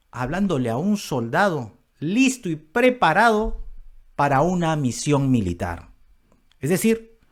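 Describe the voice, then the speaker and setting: A man preaching a Bible-study sermon as pastor, speaking emphatically and addressing listeners directly as beloved brothers. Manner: emphatic preaching, rising on scripture commands and dropping low on asides.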